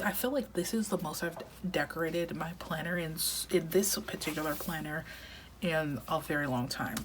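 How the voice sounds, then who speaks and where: Decorating her planner, a woman in her thirties talks through a casual plan-with-me chat as a vlogger, thoughtful and chatty with frequent soft half-whispers. Her deep voice has grown slightly raspy from a long recording day, with background noise present.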